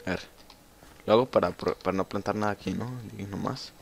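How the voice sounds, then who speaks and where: Young Mexican gamer with a gravelly low voice. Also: male voice, steady tone, fairly quick, slight background noise. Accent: Mexican Spanish. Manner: chatty, swears freely, talks to himself while playing. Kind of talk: casual gameplay commentary.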